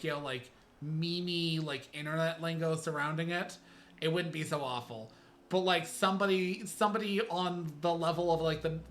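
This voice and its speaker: A man riffing over a game stream, his voice bright and a touch high. He talks in a loose, profane, sarcastic ramble, jumping from gripe to gripe. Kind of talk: casual gameplay commentary.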